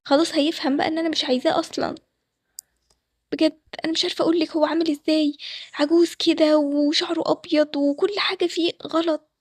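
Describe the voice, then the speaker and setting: Runaway young bride, voiced by a woman, Egyptian, high and rushed. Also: flat delivery, dry recording, clean studio sound, natural voice. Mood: pleading. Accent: Egyptian Arabic. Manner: fast and pleading.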